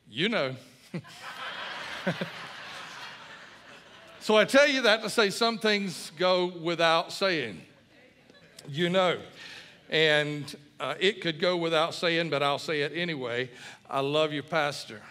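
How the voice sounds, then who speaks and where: Folksy guest preacher. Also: male voice, fairly high pitch. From Mississippi, US. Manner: folksy, warm storytelling with fillers. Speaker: guest pastor. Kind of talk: sermon.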